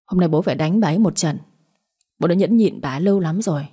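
A woman's voice: lowish voice, fast talker, mellow, husky. A woman voicing a middle-aged father who pleads and reproaches his wife. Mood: indignant. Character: aggrieved middle-aged father, patient then angry.

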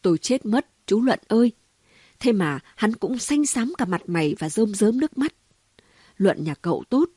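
A woman's voice: mid-range voice, mellow, husky, no echo, studio quality. Woman voicing a chatty, mocking gossip. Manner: chatty, mocking, full of exclamations. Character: gossipy, sharp-tongued city woman. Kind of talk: audiobook reading.

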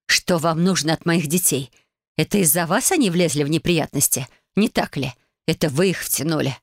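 A woman voicing a slow, anxious old-fashioned mother. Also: low voice, no echo, clean studio sound. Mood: insistent. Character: worried middle-aged mother, frail heart, anxious.

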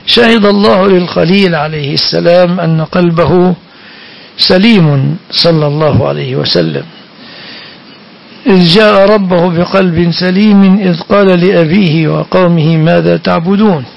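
A man delivers sermon-style scripture commentary in a high, gravelly voice. He quotes verses and doubles back on phrases to drive them home. The recording is dull and lo-fi. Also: normal speed. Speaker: Quran commentator.

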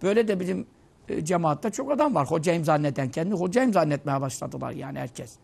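Gravelly high-pitched man preaching with humor. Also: animated, quick pace, a little mellow. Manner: humorous, scolding, anecdotal. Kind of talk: informal Ramadan sermon.

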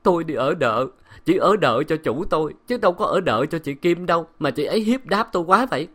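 A tearful old servant woman, pitched well above the reader's own voice, as a male narrator puts her on. She sobs and pleads in a wavering, strained way. Storybook audiobook reading. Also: animated, brisk, sharp tone. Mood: tearful pleading. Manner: sobbing, pleading. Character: weeping old female household servant.

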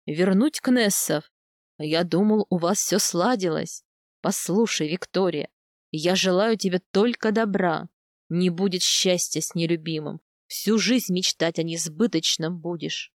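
Stern older khan, read by a woman, lowered voice, slow measured speech, dry audiobook recording. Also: no echo. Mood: grave, measured. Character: stern older steppe khan, calm and weighty.

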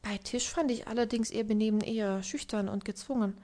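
A woman reading the part of a busy, warm young hostess in an audiobook, speaking in a hurried, lively way. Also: mid-range voice, close to an everyday voice. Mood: weary.

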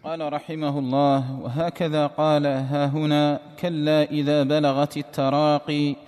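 Male reader of a classical commentary, higher voice, flat measured delivery; distant mic, long hall reverb. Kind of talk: reading a classical commentary aloud.

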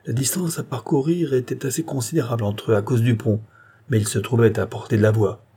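A man narrating a classic novel in a measured, literary reading style. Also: medium pitch, steady tone, warm tone, breathy edge. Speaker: audiobook narrator. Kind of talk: scripted narration.

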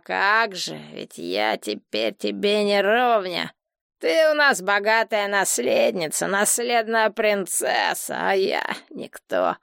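A woman voicing a tipsy, capricious young woman who talks in a slow, slurred and whiny way, recorded dry and close. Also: mid-range voice, gravelly, no echo. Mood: bitter drunk.

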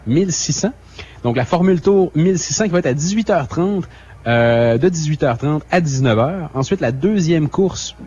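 A man's voice: on the high side, darkish tone, highs cut off. A man co-hosting a radio show, reading out a schedule with many fillers and self-mocking asides. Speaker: radio co-host.

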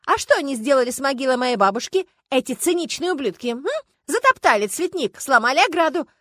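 A woman voicing a haughty, indignant rich lady who speaks shrilly and loudly in an audiobook. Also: fairly high pitch, lively intonation, quick pace, no room sound, pitched above the performer's own voice. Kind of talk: audiobook character voice.

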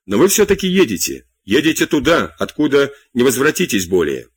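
A man reading an audiobook, voicing a proud, anguished queen who pleads bitterly, pitching his voice up. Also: wildly swooping pitch, a little fast, breathy edge. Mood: bitter pleading. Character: proud anguished Queen Marie Antoinette, woman.

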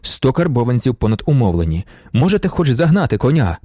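A man voicing an earnest, intense middle-aged male merchant in an audiobook, speaking low and restrained. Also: very animated, a little fast, dark tone, dry recording, clean studio sound. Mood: urgent.

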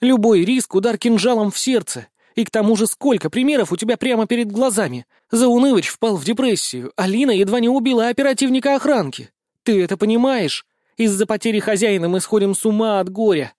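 A fretful, scolding cat goddess, as a man voices her in an audiobook, pitched up high and pressed hard. Her voice stays close and dry, with no room around it. She sounds indignant and quick to reproach. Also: a little mellow, dry recording, close to an everyday voice. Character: irritable young female cat goddess spirit. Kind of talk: audiobook character reading.

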